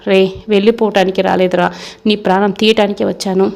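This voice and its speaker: Woman reading out furious young man, threatening, flat monotone delivery, mid pitch. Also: fairly quick, gravelly, natural voice. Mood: angry.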